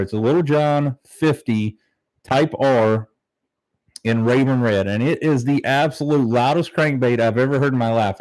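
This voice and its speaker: A man's voice: mid-range voice, darkish tone, no room sound, poor audio. Man chatting casually on a fishing livestream. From southern Ohio, United States. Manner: laid-back, rambling, peppered with "man" and "dude". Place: very small, bare-walled home room used as a studio, slightly echoey.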